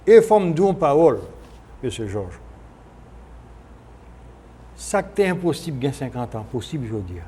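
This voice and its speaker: Haitian man explaining haltingly, noisy recording. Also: mid-range voice, very animated, warm tone. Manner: explanatory, halting with repetitions and self-corrections. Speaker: guest, former senator. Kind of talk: unscripted radio interview discussion, switching between French and Creole. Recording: noisy archive broadcast recording.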